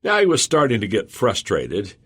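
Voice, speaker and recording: A man reading a motivational audiobook in the first person, earnest and measured. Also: fairly low pitch, huge pitch swings, slightly rough. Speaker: audiobook narrator. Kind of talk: scripted audiobook narration.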